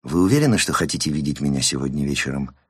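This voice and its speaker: A man's voice: rumbling low, lively intonation, fast, husky, dry recording, studio quality, voice pushed down, heavily acted. A man doing a tense, probing young woman.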